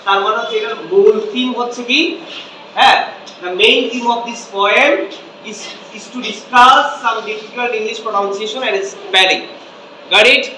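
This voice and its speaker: A man's voice: very high voice, steady tone, takes it slowly, sharp tone. A man teaching an English lesson in class, switching between Bengali and English and asking questions that he then answers himself. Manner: asks questions and answers them himself, repeats phrases. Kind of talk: classroom lecture. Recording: echoey room, distant mic, faint background noise.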